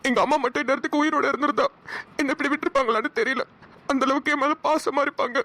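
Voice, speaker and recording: A woman's voice: high-pitched, fairly even intonation, racing, a bit bright. A woman voicing a sad, lonely young man who is a caring brother, speaking in a mournful way in a cartoon. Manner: mournful, heavy-hearted delivery. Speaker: cartoon voice actor. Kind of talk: Tamil cartoon dialogue.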